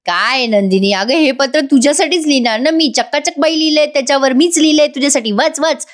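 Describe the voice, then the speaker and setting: A woman's voice: high-pitched, fast, pitched above the performer's own voice, lightly acted. A woman voicing a young husband who is playful and then flustered, reading his lines in her own voice. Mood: playful teasing.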